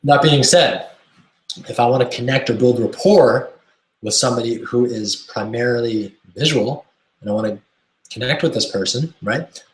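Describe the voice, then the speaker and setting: A man's voice: medium pitch, moderate pace. Enthusiastic man teaching a webinar. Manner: enthusiastic, keeps asking "right?". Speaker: self-help coach. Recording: roomy echo.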